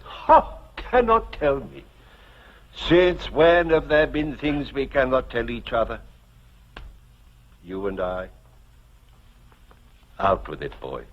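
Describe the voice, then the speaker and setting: A worldly, fond uncle in a 1950s television drama. His voice is husky and his phrasing old-world and formal, full of exclamation. The delivery is unhurried, and the old soundtrack is muffled. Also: medium pitch, animated. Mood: jovial, coaxing. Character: genial, worldly, fussing uncle of an older generation.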